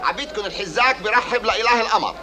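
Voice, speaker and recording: An actor playing an eager, deferential palace servant of a sultan, effusive and ceremonious, in a comic adventure film. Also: male voice, high voice, expressive, rapid-fire, crowd noise. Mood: excited welcome.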